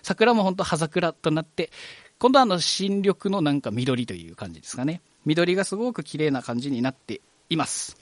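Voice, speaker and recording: A man's voice: fairly high pitch, sing-song, brisk, no echo. A man hosting a live radio program, speaking with a Kagoshima accent in a chatty, friendly way. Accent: Kagoshima dialect. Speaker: radio host.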